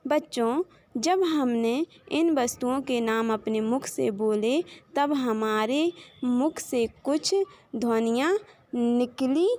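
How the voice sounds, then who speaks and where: A woman's voice: fairly high pitch, slow, a little mellow, dry recording. A woman teacher giving a Hindi grammar lesson to children, calling them directly and sounding out letters and example words one by one, drawing the sounds out long. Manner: addresses the children directly, points to a chart.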